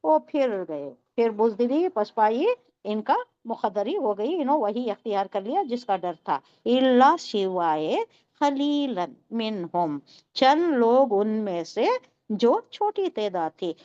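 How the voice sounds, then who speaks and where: A high-pitched woman teaches a Quran tafseer lesson, translating the Arabic phrase by phrase and stopping to quiz her students. Her voice sounds dry and close, with a slightly dull, muffled sound. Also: animated, dark tone, dry recording. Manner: explains Arabic word by word, quizzes listeners.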